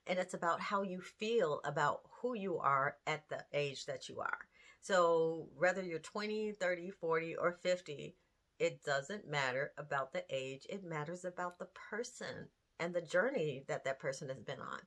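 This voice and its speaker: Host, woman, late fifties, lowish voice, earnest direct-to-camera chat with rhetorical questions. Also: moderate pace, fairly bright tone. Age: 50s. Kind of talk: candid talk to camera.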